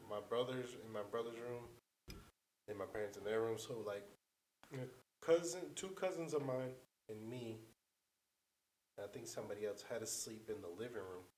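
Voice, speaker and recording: A man's voice: mid-range voice, animated, moderate pace, long pauses, a little mellow, a little hiss or hum. A man telling a story in a casual podcast chat, rambling and loose, full of filler words and swearing. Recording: roomy echo.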